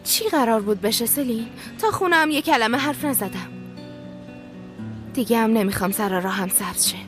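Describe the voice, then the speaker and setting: An actress voicing a proud, quick-tempered young woman doctor in a dubbed TV drama. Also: a little high, animated, faint music behind. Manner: sharp and indignant when angry.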